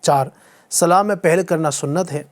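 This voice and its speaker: A man with a Pakistani Urdu accent giving an Islamic lesson in numbered points, slowly repeating phrases for listeners to echo. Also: fairly high pitch. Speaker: religious teacher.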